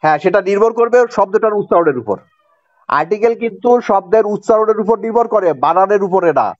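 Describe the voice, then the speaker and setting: A male teacher with a Bangladeshi accent and a fairly high voice walks students through a grammar point. He repeats each rule and keeps checking whether they follow. The recording is dry and a little muffled. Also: fast talker, no room sound. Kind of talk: classroom grammar lesson.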